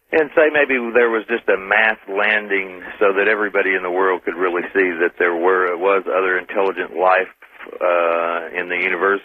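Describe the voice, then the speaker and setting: A man calling into a late-night radio show, chatty and rambling with many fillers. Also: deep voice. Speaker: caller. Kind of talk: rambling call-in radio chat. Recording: dry, tinny phone line.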